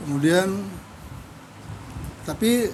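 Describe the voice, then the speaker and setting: As an interview guest from Medan, Indonesia, a man with a fairly high voice gives personal testimony, animatedly acting out everyone's quoted lines so his pitch leaps up and down. He speaks very slowly, and the poor audio carries a faint hiss underneath.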